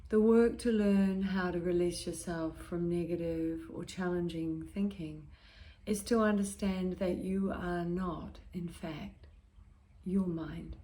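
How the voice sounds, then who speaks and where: A woman guides a meditation in a calm, gentle, soothing voice on the low side. She pauses between short phrases, letting each one trail off softly and breathily.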